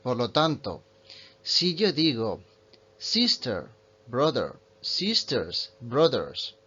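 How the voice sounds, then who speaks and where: A man, a native Spanish speaker, explaining English grammar in an online lesson and slowing right down to read example sentences. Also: medium pitch, big pitch swings, sharp tone, husky, lo-fi sound. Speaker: English teacher.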